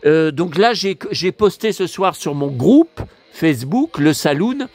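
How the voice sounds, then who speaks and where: A hoarse man in a casual vlog, talking to his viewers and muttering exclamations to himself as he browses through his purchases. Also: on the high side, expressive, a little slow, darkish tone. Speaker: vlogger showing his purchases.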